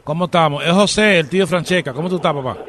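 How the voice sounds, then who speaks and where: A man's voice: fairly high pitch, racing, a bit bright, close to an everyday voice. A man playing a stern, hot-tempered uncle on a prank phone call, pushy and accusing. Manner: pushy, accusing, swears when riled. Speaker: radio prank caller. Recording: noisy phone line.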